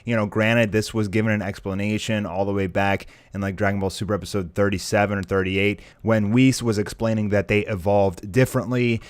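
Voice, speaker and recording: A man's voice: lowish voice, fairly even intonation, a little fast, few pauses, smooth, dry recording. A man giving casual, conversational commentary and speculation to viewers as an online anime commentator. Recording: music playing behind the voice. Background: background music.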